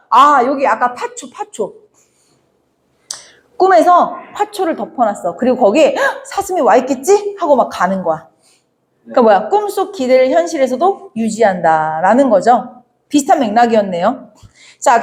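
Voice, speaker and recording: High-voiced woman teacher, brisk and chatty. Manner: brisk, chatty, asks students rhetorical questions; acts out quoted lines in playful voices. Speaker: Korean literature teacher. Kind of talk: exam problem walkthrough lecture.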